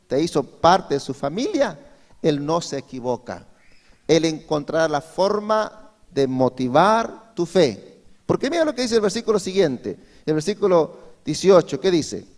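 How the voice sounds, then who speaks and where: Pastor preaching in a reverberant hall. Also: male voice, fairly high pitch, darkish tone. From Peru. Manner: asks the congregation frequent rhetorical questions. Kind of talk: Sunday sermon. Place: church hall.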